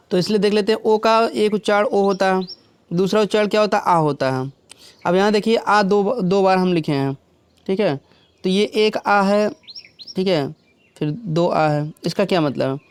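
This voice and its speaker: A man's voice: sits high, darkish tone, clear, resonant tone. A man teaching English, explaining step by step and often checking that his students follow. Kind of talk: classroom lesson.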